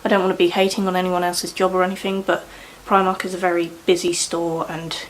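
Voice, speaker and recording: A woman's voice: on the low side, little pitch movement, a little fast, a little hiss or hum, low-quality recording. A young woman chatting casually in a rambling way while doing her makeup at home, with lots of fillers. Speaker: beauty vlogger.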